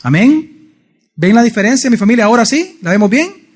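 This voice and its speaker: A man's voice: extremely high pitch, very animated, normal speed, slightly rough. A male pastor teaching a Bible study sermon in church, often putting questions to his congregation. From El Salvador. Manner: asks the congregation frequent questions.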